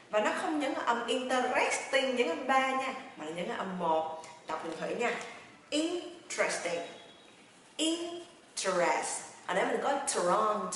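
A woman teaching a pronunciation lesson, chatty and encouraging, drilling words by repeating them slowly and then quickly. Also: mid-range voice, a bit bright. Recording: echoey room, heard from a distance, faint noise.

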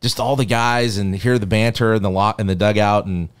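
Animated man telling a sports story. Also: fairly low pitch, a little fast, smooth. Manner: animated storyteller, swears and laughs at himself. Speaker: podcast co-host. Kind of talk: casual sports podcast chat.

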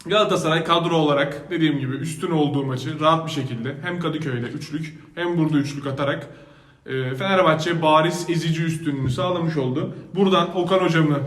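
Brief: fairly high male moderator, joking, echoey room. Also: fast, a bit bright. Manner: teasing, playful, hands out the floor. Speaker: panel moderator. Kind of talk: casual panel chat. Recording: roomy studio sound.

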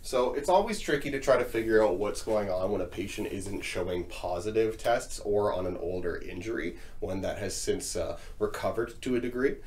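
A man's voice: fairly low pitch, moderate pace, few pauses, darkish tone. A man in his thirties talking as a chiropractor, giving clinical explanations during a hands-on exam. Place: small indoor treatment room. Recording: noisy room ambience.

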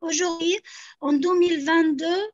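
Answering a question over a video call, a young Gaza activist sounds hesitant, often restarting and using fillers. She speaks at a measured pace in a very high-pitched, steady voice, heard through dull, lo-fi call audio.

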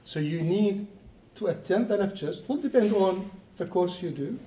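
A man's voice: high voice, lively intonation, moderate pace, mellow. A man speaking on a university panel, earnest and hesitant, with fillers and restarts. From Iraq. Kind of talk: panel discussion answers. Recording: echoey room, faint background noise.

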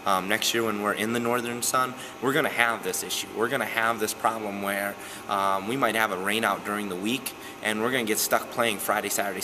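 A young man coaching softball talks through a postgame interview in a gym. His voice sits low, and he speaks with earnest steadiness, often pausing on "um". A clear hiss runs under the recording. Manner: earnest, steady, frequent "um" fillers. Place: gym, indoors.

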